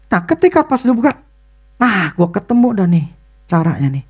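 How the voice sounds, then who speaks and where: Animated pastor. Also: male voice, sits high, a little slow, husky. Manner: animated storytelling, loud excited bursts. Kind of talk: sermon with personal story.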